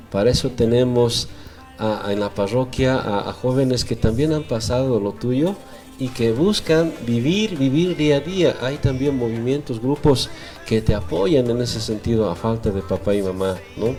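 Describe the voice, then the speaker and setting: A man's voice: mid-range voice, moderate pace, dark tone, faint music behind. A man, giving earnest faith-based family advice on a radio show with many tag questions. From Bolivia. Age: 40s. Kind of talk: radio talk with religious counsel.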